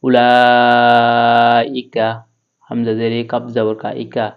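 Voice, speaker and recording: Man teaching Quran reading, spelling slowly. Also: medium pitch, monotone, smooth, lo-fi sound. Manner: spells letter by letter, then chants verses slowly.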